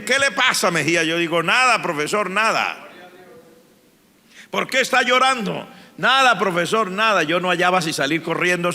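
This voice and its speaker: A man, a pastor, telling his testimony in a sermon, speaking with strong emotion and sudden loud swells. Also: medium pitch, creaky. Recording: long hall reverb.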